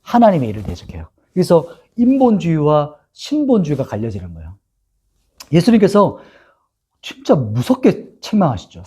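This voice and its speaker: A man's voice: sits high, breathy edge, muffled recording. A male pastor teaching a Bible lesson, asking his listeners questions and reading scripture aloud with them. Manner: animated, asks the congregation questions, reads scripture aloud together.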